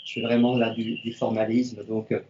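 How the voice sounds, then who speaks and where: A karate instructor teaching an online class to camera, giving slow, repetitive cues and counting out the moves. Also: male voice, fairly low pitch, completely flat delivery, mellow, slight background noise. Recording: roomy, distant, dull sound.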